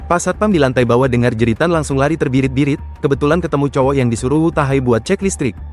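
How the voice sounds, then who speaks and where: Fast-talking man narrating a story recap. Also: medium pitch, a little mellow, faint music behind. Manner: casual slangy storytelling.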